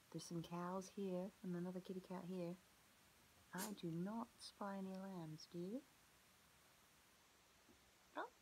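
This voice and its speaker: A woman preschool teacher gently reading a picture book aloud to children and asking them questions about the pages. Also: on the low side, gravelly, slight background noise, poor audio.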